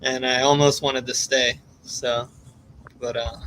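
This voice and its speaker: A man's voice: mid-range voice, slow pace, a bit bright, slight background noise. A man hosting his own livestream, chatting loosely with many fillers and restarts. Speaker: livestream host. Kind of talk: casual livestream chat.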